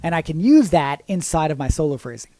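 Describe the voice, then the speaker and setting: A man's voice: fairly high pitch, brisk, loud music behind the voice. A man teaching drums in a casual lesson, explaining concepts and singing rhythms as syllables. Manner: sings accent rhythms as "ta"; relaxed, conversational explaining. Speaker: drum teacher.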